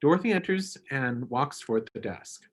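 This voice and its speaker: Guy reading stage directions, husky, lively pitch, matter-of-fact. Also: normal speed. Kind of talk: amateur table read narration.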